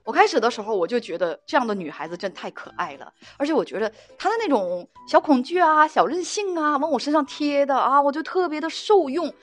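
A woman hosting a talk show, telling a relationship story in a chatty, animated way and acting out the quotes. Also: high voice, a little fast, few pauses, soft background music. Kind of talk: storytelling monologue.

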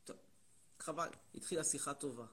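A man's voice: on the high side, fairly bright tone. A man hosting a live stream, needling his caller and ranting in mocking, repetitive bursts. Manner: mocking, needling, repeats himself in rising rants. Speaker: host of a live stream taking callers and questions. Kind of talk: provocative live-stream monologue.

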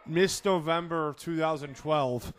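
A man's voice: a little high, measured pace. A man casually chatting in an audio commentary over a film, joking and crude.

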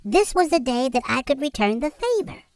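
A man's voice: very high voice, sing-song, moderate pace, no room sound, studio quality, voice pushed up, full character voice. A man voicing a tiny, timid male mouse that pleads earnestly in a storybook reading. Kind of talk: storybook character voice.

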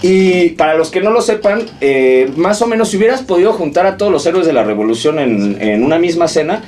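A man with a Mexican Spanish accent telling history in a casual, profane, animated podcast chat, a bit far from the mic with faint room noise. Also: a little high, a little fast. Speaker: podcast host.

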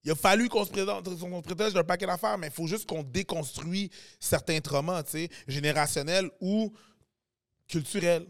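Comedian guest, male, high voice, playful and loose. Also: normal speed. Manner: switches languages, mimics accents playfully. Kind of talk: casual podcast chat.

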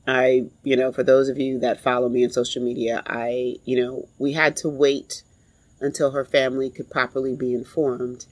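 A woman in her forties telling a personal story in a reflective, halting way. She is grieving and pauses often to compose herself. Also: very deep voice, little pitch movement, poor audio. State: grieving, emotionally strained.

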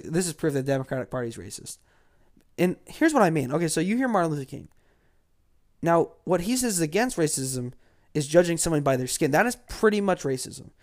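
A man from Georgia ranting about politics in a casual, sarcastic and mocking way, dropping to mutters and then flaring up. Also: on the high side. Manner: sarcastic and mocking, swinging from mutters to loud outbursts. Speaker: political commentator.

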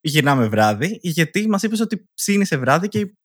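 A man's voice: a little high, big pitch swings, a bit bright, breathy edge, dry recording, studio quality. A man in his thirties hosting a casual podcast, telling a rambling story. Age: 30s. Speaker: podcast host.

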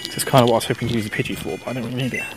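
This host of a gaming series, a man from Essex, England, with a mild Essex accent, rambles casually through game commentary, chatting to himself as he plays. His medium-pitched voice holds a steady tone at a racing pace, with music in the background.

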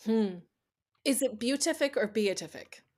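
Woman, podcast co-host, playful short reactions, high voice, lively pitch. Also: moderate pace. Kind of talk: casual podcast discussion.

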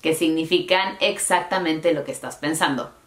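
A woman giving a playful, chatty online lesson on English pronunciation, modelling words slowly and laughing at herself. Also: deep voice, reverberant. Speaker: English teacher.

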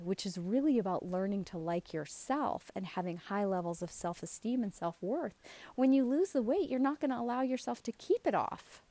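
Middle-aged woman, warm dark timbre, talks out of one side of the mouth, earnest coaching style, casual and emphatic. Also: medium pitch. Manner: earnest, emphatic, asks checking questions. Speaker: self-esteem coach hosting a show. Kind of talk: casual motivational talk to camera.

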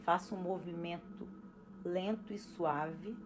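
A Brazilian woman calmly leading a guided breathing and relaxation exercise with unhurried pauses, as an instructor. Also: fairly low pitch, noisy background. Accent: Brazilian Portuguese. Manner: slow, calm, instructing with pauses. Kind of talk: guided relaxation for expectant parents. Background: music.

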